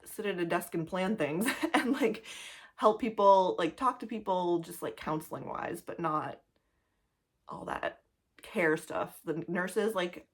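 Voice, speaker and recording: A woman's voice: on the low side, lively intonation, a little slow, breathy edge. A pregnant woman in her thirties chatting casually to camera as a cross-stitch vlogger, laughing often and a little out of breath, full of likes and ums. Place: home, two-bedroom apartment.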